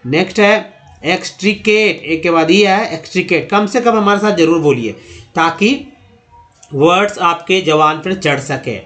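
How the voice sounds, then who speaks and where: A young man teaching English pronunciation in Hindi, breaking each word into syllables and repeating it slowly. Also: sits high, a bit bright. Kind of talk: slow word-by-word pronunciation lesson.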